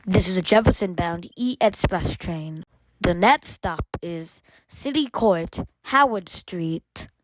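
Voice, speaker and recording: A woman with a fairly low voice reads scripted train announcements in the manner of an automated announcer, using measured, formulaic phrases in distinct segments. There's no echo, but the recording is rough.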